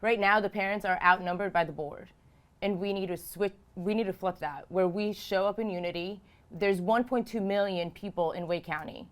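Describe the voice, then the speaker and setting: Her voice sits at medium pitch with fairly even intonation and a normal speed. She is a Romanian woman in her thirties and a House candidate, earnestly and emphatically answering interview questions while repeating phrases for emphasis.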